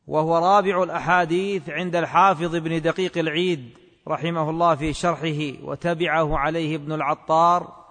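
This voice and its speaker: A man teaching a class on a classical text in a measured, scholarly way, repeating phrases slowly as if for dictation. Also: a little high, fairly bright tone, in a large hall. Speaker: teacher of hadith commentary.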